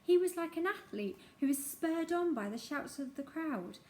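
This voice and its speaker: A woman narrating a childhood memoir aloud in an expressive storytelling manner. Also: high-pitched, moderate pace.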